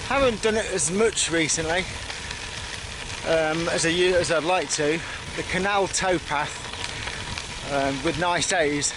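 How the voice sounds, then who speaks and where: A man's voice: fairly high pitch, unhurried, pauses often. A man from the United Kingdom casually talking to camera while riding a bike on an outdoor path, rambling with fillers and restarts. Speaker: cycling vlogger. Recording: outdoor wind and road noise.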